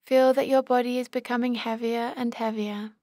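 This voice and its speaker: In a calm, measured manner, a woman leads a body scan meditation, her slightly high voice staying very even with barely any rise or fall. She delivers brief instructions, recorded up close and very dry with no echo.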